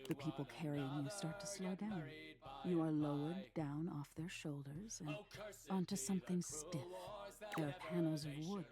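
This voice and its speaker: A woman with a low voice reads a game's second-person narration in a measured, suspenseful way. Music plays clearly behind her. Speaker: game narrator.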